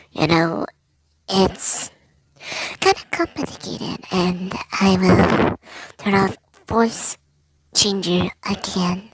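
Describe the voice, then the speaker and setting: A man talking through a voice changer that makes him sound higher, chatting to viewers in a rambling, hesitant way about his characters. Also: gravelly, heavily acted, low-quality recording. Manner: rambling, hesitant, many fillers and restarts. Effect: voice changer shifting his voice higher. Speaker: storyteller presenting original characters. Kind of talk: casual chat to viewers.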